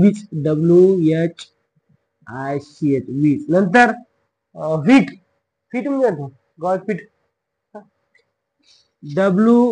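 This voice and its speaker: A man's voice: sits high, poor audio. A man with a Marathi accent teaches English pronunciation in a classroom style. He spells words out letter by letter, drills each word again and again, and playfully scolds wrong answers.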